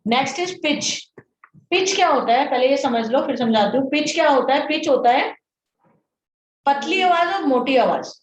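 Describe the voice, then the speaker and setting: A woman's voice: high voice, lively intonation, moderate pace. Female teacher explaining patiently, roomy sound. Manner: explains patiently, often checks understanding with "clear?". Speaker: science teacher. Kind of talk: classroom science lesson. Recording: dull roomy recording with faint noise.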